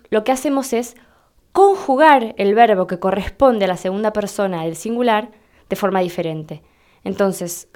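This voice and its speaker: A woman with an Argentine Spanish accent giving a slow, deliberate explanatory lesson, spelling things out for her listeners. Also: medium pitch, a little mellow. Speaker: Spanish teacher.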